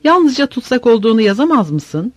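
A man's voice: very high voice, sing-song, fairly quick, dry recording, voice pushed up, exaggerated voice. A grim, doubting soldier, put on by a man reading an audiobook, lifts his voice a little above the narration. He sounds worn out and insistent. The recording is close and dry. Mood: worried. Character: weary, doubtful male soldier driver, blunt. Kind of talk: audiobook character voice.

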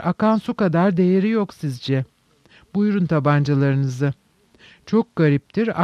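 A man's voice: fairly high pitch, no room sound. A man reading as a skeptical, chiding man. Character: wary, reproachful man, sober-minded. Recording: dull dry recording.

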